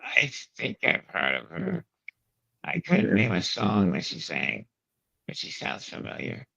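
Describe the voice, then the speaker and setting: A middle-aged man with a gravelly, rough whiskey voice, chatting casually over a tinny, breaking-up internet connection. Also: on the low side, huge pitch swings, a little slow, pushed and bright, no echo. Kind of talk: casual chat. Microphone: remote call microphone.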